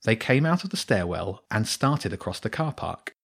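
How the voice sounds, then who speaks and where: Man reading a storybook, lowish voice. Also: big pitch swings, normal speed, creaky, slightly rough. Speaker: narrator.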